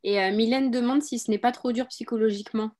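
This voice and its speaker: A woman's voice: on the high side, fairly even intonation, fast, a little mellow. A woman interviewing a guest casually, asking informal questions with short backchannels.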